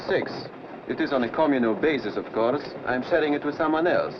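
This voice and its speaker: A man's voice: medium pitch, lively intonation, fairly quick, lightly acted. An actor playing a blunt, matter-of-fact European military man in a 1940s film, terse in his delivery. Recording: muffled, noisy old film soundtrack.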